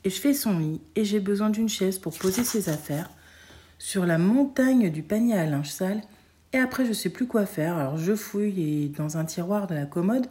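Femme lisant un récit, voix chaude. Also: female voice, medium pitch, normal speed, mellow. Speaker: reader. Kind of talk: storytelling narration in a child's first person.

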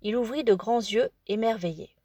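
A woman narrates an audiobook at a measured, calm pace. Her voice sits fairly high and is recorded dry and close to the mic, with no room sound. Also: dry recording.

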